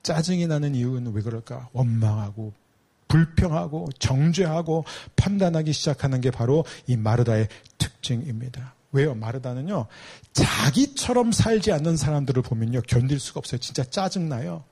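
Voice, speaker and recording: A man preaching a sermon, animated and asking the congregation rhetorical questions. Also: mid-range voice, moderate pace, breathy edge. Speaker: pastor.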